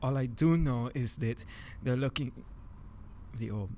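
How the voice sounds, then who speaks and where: A man's voice: mid-range voice, unhurried, warm tone, a little hiss or hum. A man playing his character in a tabletop game, urgent and pleading, often stammering. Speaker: player. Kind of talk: in-character tabletop role-play.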